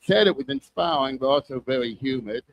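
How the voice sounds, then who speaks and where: A man's voice: medium pitch, very animated, fairly quick, creaky, dull audio, slight background noise. An older man doing self-deprecating, crude stand-up comedy, with a strong lisp and wet, whistling s sounds. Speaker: stand-up comic. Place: live comedy open mic show.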